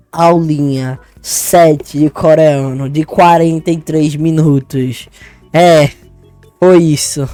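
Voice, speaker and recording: A man, a vlogger chatting casually about a language lesson, joking and swearing in quick asides. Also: a little high, mellow, dry recording. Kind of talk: casual chat. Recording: dry close voice, faint music.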